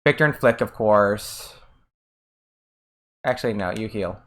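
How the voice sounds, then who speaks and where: An American game streamer speaks at a measured pace in a medium-pitched, fairly bright voice. Chatting casually as they play, they reply to chat between gameplay and tend to trail off and restart sentences.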